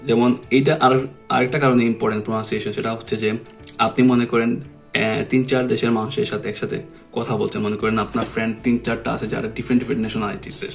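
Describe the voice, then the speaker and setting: A young man talks through exam advice in a relaxed vlog. His voice has a gravelly, creaky edge and sits at an ordinary middle pitch. Soft music plays faintly behind him. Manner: mixes English phrases into relaxed explaining. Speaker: vlogger. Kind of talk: casual explanatory vlog.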